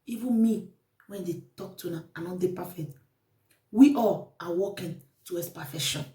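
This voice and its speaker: Speaking with a Nigerian Pidgin accent, a woman vlogger delivers a casual advice monologue straight to her viewers, urging and repeating her life lessons. Her lowish voice is warm and moves at normal speed, recorded in an echoey room with the mic at a distance.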